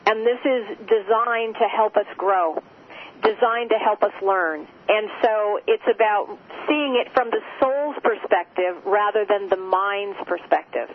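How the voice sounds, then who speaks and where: Woman guest on a tinny phone line with a faint hiss, mid-pitched, gentle, repeats key phrases. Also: a little slow. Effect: speaking over the phone. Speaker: interview guest. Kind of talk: spiritual interview talk.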